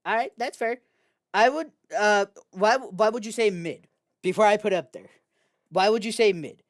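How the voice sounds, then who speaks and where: A man's voice: high-pitched, moderate pace, no room sound. Guy hosting a gaming tier list chat, rambles and restarts a lot, dry close sound. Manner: loose and rambling, many restarts. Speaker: host.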